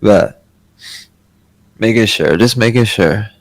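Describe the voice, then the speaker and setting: Low-voiced man chatting on a livestream. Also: slow pace, gravelly. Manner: slangy, rambling asides. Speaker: livestream host. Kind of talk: casual livestream chat.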